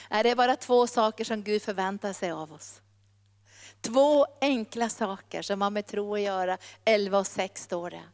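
A woman's voice: medium pitch, in a large hall. Fervent woman preaching a sermon. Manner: emphatic, rising to fervent calls.

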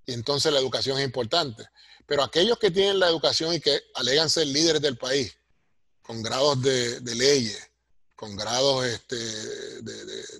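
Husky-voiced professor. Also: male voice, mid-range voice, fairly bright tone, no echo, clean studio sound. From Puerto Rico. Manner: earnest, explanatory, asks "¿ve?" for agreement. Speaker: sociology professor, guest. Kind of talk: interview answer.

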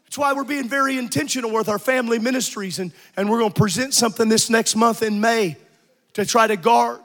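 A middle-aged man, a pastor, preaching an evening sermon, building to shouts with quick asides. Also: very high-pitched, long reverb tail. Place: church sanctuary.

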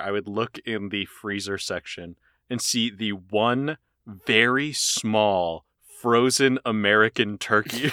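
Bright-voiced, joking male podcast host. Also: fairly low pitch, no echo, studio quality. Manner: laughs often, jokey and rambling. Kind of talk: casual chat.

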